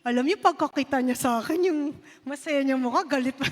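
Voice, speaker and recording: Woman, Filipino accent, pastor, storytelling sermon, high voice, reverberant church. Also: a little fast, a little hiss or hum. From Philippines. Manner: storytelling, mixing Filipino and English, asks the congregation "di ba?". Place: church sanctuary. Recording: long reverb of a hall.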